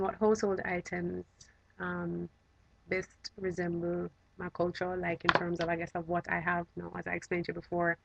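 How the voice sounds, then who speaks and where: Gravelly-voiced Jamaican woman, fondly reminiscing. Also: fairly low pitch, a bit bright, a little hiss or hum, low-quality recording. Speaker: vlogger. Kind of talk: casual chat to camera.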